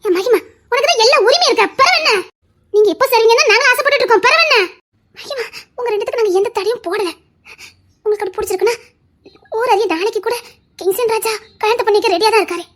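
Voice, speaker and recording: A woman's voice: very high voice, quick pace, a bit bright. A woman voicing a fond older aunt and mother-in-law in an audio love story, soothing and insistent. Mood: coaxing.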